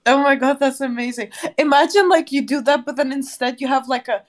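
Young woman co-host, high voice, giggly and chatty. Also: a little fast. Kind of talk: casual chat among friends.

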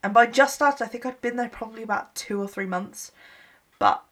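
A woman's voice: on the high side, a little fast, fairly bright tone. A woman, hosting a solo podcast from home in a rambling, self-deprecating chat, a bit sleepy. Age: 20s. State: sleepy, yawning late at night. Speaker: podcast host. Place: her home. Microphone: microphone with laptop.

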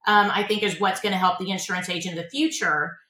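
A woman's voice: lowish voice, fairly even intonation, fast, sharp tone, reverberant, low-quality recording. A woman who owns an insurance agency, a podcast guest talking about her work in an earnest, motivational way and often repeating words as she starts a thought. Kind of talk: casual interview chat.

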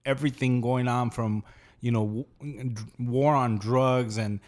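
Male podcast host, casual interview, mid pitch, rambling long-winded questions. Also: fairly even intonation, measured pace, a little mellow.

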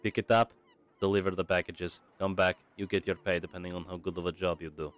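A man's voice: low voice, level tone, quick pace, pitched below the performer's own voice, lightly acted. A man voicing a strict female shopkeeper with a put-on Russian accent, giving curt, bossy orders. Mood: stern.

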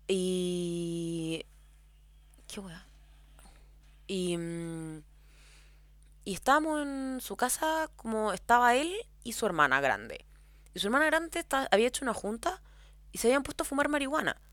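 Young woman, Chilean accent, chatty storyteller who wanders with fillers; medium pitch, dead-dry recording. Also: fairly bright tone, dry recording. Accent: Chilean Spanish. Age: young adult. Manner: rambling, heavy on filler words. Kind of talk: casual storytime monologue.

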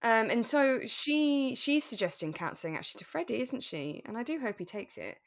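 Her voice a little high with big pitch swings, a female podcast co-host talks a little fast in a relaxed chat about a radio drama. She comes across as sincere and eager.

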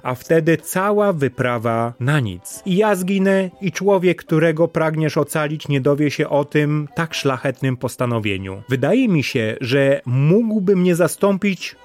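A man's voice: on the high side, animated, measured pace, few pauses, a little mellow, faint music behind. A man voicing a cautious male crab in a storybook, speaking hesitantly and reluctantly.

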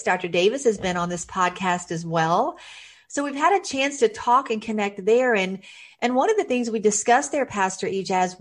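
Woman podcast host reading a guest bio. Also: mid-range voice. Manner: formal, reads a guest bio then chats warmly. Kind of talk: podcast host introduction and interview.

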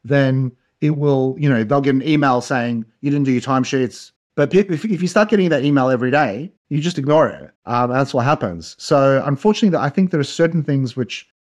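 A man's voice: mid-range voice, expressive, brisk, few pauses, a little mellow. A man talking as an interview guest, explaining casually and often restarting his phrases.

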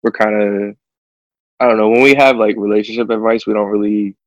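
A man's voice: fairly low pitch, little pitch movement, a little fast, no room sound, dull audio. A young man from the DMV area, chatting in a laid-back way as a podcast guest, with plenty of "you know.". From DMV area, United States. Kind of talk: casual chat.

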